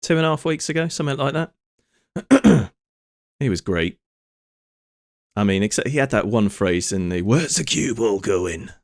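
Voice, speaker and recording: A man's voice: mid-range voice, lively intonation, moderate pace, long pauses, a little mellow, no echo, studio quality. A man streaming live, rambling through joking asides as he watches a clip. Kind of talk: casual live-stream commentary.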